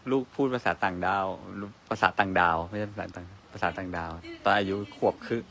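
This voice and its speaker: A man in his thirties, a father chatting casually at home and using soft baby talk with his toddlers. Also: fairly low pitch, steady tone, a little fast. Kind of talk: casual family chat.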